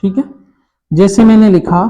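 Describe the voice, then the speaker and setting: A man teaching an English grammar lesson to children, explaining slowly and checking in often. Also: high voice, fairly even intonation, dark tone, lo-fi sound.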